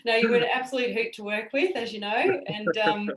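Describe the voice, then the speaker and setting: A woman's voice: a little high, a little fast, a crowd in the background. A woman interviewing casually as a coach, with an encouraging, affirming way of talking. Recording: roomy, echoey sound.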